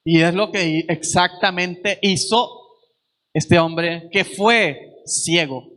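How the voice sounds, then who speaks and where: A man's voice: high-pitched, takes it slowly, a bit bright. A man preaching a sermon at a church service, earnest and repeating phrases for emphasis.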